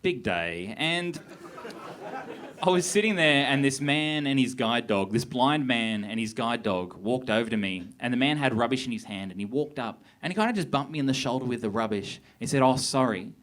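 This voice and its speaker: A young man doing a stand-up set on a theatre stage, with a deadpan, awkward, self-deprecating delivery. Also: mid-range voice, normal speed. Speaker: stand-up comedian. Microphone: handheld stage mic. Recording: live theatre with crowd laughter. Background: audience laughter.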